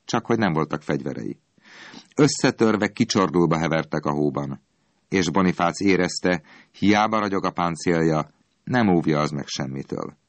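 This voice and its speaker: A man tells a storybook tale in an expressive, dramatic way. His voice sits very low. The recording is dry and close, with no room sound. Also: dry recording. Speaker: narrator. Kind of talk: storybook reading.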